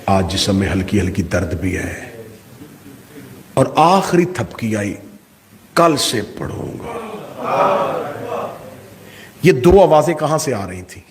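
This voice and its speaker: A man's voice: lowish voice, very animated, crowd noise. Impassioned man preaching to a congregation. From Pakistan. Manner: impassioned, swings from loud calls to hushed inner voices; addresses the audience directly with questions. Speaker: Shia preacher. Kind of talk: majlis sermon.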